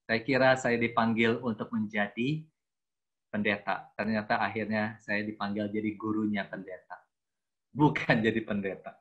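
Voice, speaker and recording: A man's voice: on the low side, level tone, moderate pace, fairly bright tone, husky, highs cut off. A man in his sixties, a theology teacher, giving a chatty, self-mocking personal testimony to a youth group and slipping into English phrases. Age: 60s. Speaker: guest speaker, theology teacher.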